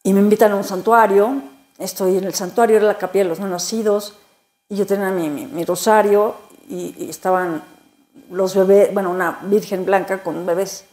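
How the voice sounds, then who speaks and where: Warm-voiced woman giving testimony. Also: medium pitch, steady tone. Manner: emotional, halting, many repeated words. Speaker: interview guest. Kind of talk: personal faith testimony.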